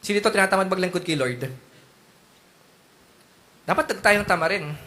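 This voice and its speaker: A man, preaching a sermon in a joking, animated way, acting out mock prayers and sometimes breaking into loud outbursts. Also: high voice, moderate pace. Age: 30s.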